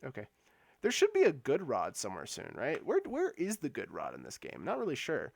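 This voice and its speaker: A man's voice: medium pitch, wildly swooping pitch, fairly quick, creaky. A man streaming a game live, chatting casually with viewers, laughing often and repeating words as he talks. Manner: giggly, stammers and repeats words; chats with viewers while playing. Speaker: gaming streamer.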